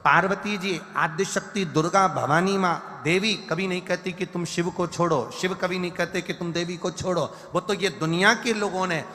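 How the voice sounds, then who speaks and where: A man's voice: high voice, sharp tone. A man giving a devotional sermon at a large religious gathering, preaching in repeated lists and rhythmic phrases. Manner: sings verses slowly, then preaches in repeated lists. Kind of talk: devotional sermon with sung bhajan lines. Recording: live broadcast with long reverb and faint music.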